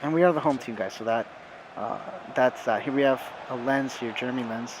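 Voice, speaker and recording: A young man talks through a football video game in a loose, chatty way, pausing often to restart his sentences. His voice sits in the middle range. A clear layer of steady noise runs under the recording. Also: medium pitch. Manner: chatty, many filler ums and restarts. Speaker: gaming YouTuber. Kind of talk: casual game commentary.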